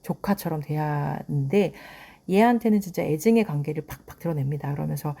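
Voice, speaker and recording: A middle-aged woman in a casual drama recap, retelling scenes with animated commentary on the characters. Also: low-pitched, a little fast, creaky, husky. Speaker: drama reviewer.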